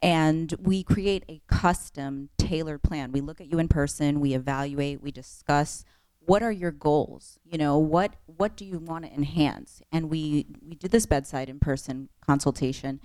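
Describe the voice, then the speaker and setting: A woman's voice: low-pitched, measured pace, darkish tone, dry recording. A woman physician assistant, a guest on a podcast, who explains treatments in a composed, professional way. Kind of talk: interview answers.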